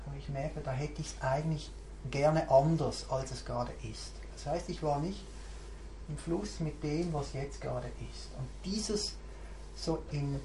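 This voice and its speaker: Her voice is deep, warm, and unhurried as this mindfulness teacher reflects aloud in a searching talk to a group. Faint background hiss runs under the roomy recording.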